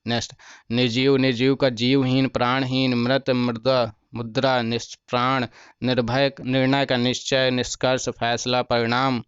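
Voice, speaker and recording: Slow flat-voiced man reciting word lists. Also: mid-range voice, clear, resonant tone, dry recording, muffled recording. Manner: slow, flat recitation with frequent self-corrections; repeats words and tells students to remember them. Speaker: teacher. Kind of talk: reading out word lists of synonyms.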